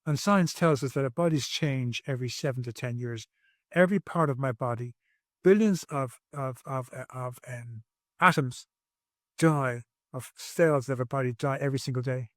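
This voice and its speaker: This sixty-something man, a podcast guest at home, tells his own story earnestly and thoughtfully, restarting sentences often. He talks at a normal speed in a medium pitch, and the studio-quality recording has no room sound.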